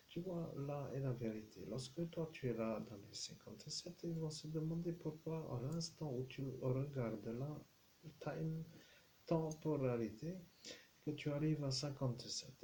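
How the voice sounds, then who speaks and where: A man talks as a medium in a long, wandering channeled message. His mid-pitched voice is dark and mellow with a gravelly edge. He keeps sliding from full voice down into murmurs and near-whispers. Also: slight background noise, low-quality recording. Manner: meandering, slipping into murmurs and whispers. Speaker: self-styled medium.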